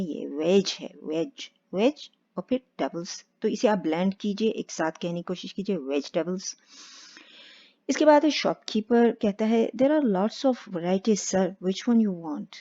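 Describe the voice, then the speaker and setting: A woman teaching spoken English step by step, patient and slow on the English examples. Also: mid-range voice, mellow. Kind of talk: explaining spoken English lesson. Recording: dull lo-fi sound.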